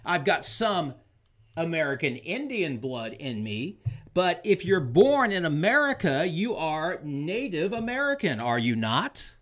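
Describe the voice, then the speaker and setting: A man's voice: fairly high pitch, very animated, measured pace, fairly bright tone. A man from Oklahoma, hosting a show and delivering an opinionated political monologue with emphatic, repeated lines. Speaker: show host.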